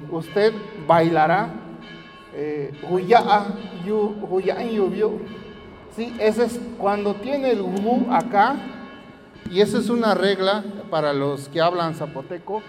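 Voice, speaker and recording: A man teaching at a language workshop, explaining grammar slowly, with many fillers and repeated phrases. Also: high-pitched, a little mellow. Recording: long hall reverb, faint music.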